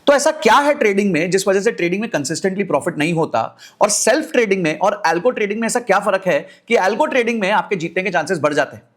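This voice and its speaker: A middle-aged man with an Indian accent, an energetic finance YouTuber speaking straight to his viewers. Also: high-pitched, quick pace, hardly any pauses. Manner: energetic, direct address to viewers. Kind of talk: explainer video talk.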